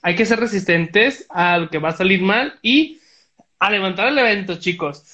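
A woman's voice: medium pitch, normal speed, a bit bright. Chatty woman on a dull remote line. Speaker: podcast co-host. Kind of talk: casual chat.

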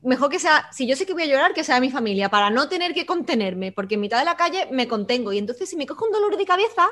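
A woman talks over books in a thoughtful, halting way and often restarts her sentences. Her voice is quite high. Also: very animated, fairly bright tone. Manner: hesitant, reflective, with many restarts. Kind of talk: casual book chat.

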